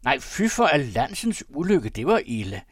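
Man playing a booming jovial old pastor. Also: big pitch swings, slightly rough, no echo, studio quality. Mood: hearty. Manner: loud, hearty, teasing questions.

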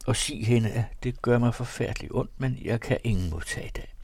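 A man's voice: medium pitch, a little mellow, dry recording, pitched above the performer's own voice, close to an everyday voice. A man reading aloud, voicing a frail, fickle bedridden wife in a raised, pleading tone. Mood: fretful.

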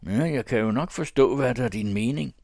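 A man reading a story, voicing a stubborn, quiet young farmer's son who speaks low and curt. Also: vocal fry, no echo, studio quality.

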